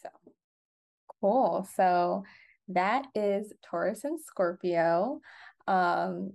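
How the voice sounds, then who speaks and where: A woman's voice: medium pitch, drawn-out words, gravelly, darkish tone. A young woman co-hosts a podcast and explains in an easy, conversational way. She keeps circling back with filler words and restarts as she thinks aloud. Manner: chatty, many fillers and restarts. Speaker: podcast co-host. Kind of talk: casual explanatory chat.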